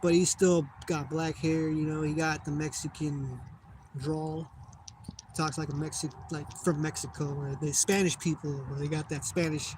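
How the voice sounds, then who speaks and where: A man's voice: fairly high pitch, little pitch movement, moderate pace, darkish tone. Young guy ranting casually, swears a lot, rambles, lots of noise behind him. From United States. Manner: profane, rambling, losing his train of thought. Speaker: vlogger. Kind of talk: casual monologue. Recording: noisy background.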